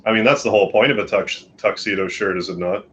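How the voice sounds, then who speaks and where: A man's voice: fairly low pitch, quick pace, fairly bright tone, dull audio. A tired man from Canada chatting casually and rambling on a late-night live stream from his bedroom. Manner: sleepy, rambling, yawning. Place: home bedroom.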